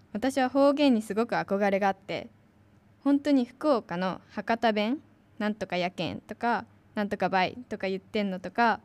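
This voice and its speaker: A woman's voice: a little high, darkish tone, no echo. A young woman from Kanagawa, an announcing student, giving a chatty free talk with many fillers. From Kanagawa, Japan. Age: young adult.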